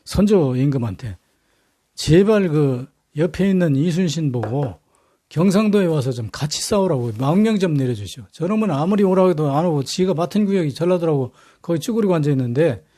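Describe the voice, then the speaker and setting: A man telling history in a casual, blunt, colloquial way, full of fillers and rough language. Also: fairly high pitch, lively intonation, brisk, mellow. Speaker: history lecturer. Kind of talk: casual storytelling lecture.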